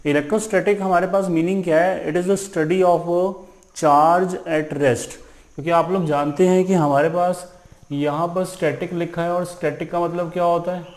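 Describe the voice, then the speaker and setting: A man's voice: fairly high pitch, darkish tone. A male physics teacher giving a classroom lecture in Hindi mixed with English terms, speaking English with an Indian accent and answering his own questions.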